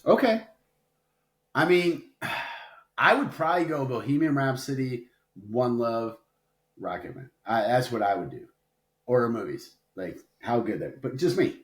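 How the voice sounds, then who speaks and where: A man's voice: mid-range voice, expressive, measured pace. A man co-hosting a podcast in a casual chat, rambling and playfully dramatic, with lots of filler words. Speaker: podcast co-host. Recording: roomy echo.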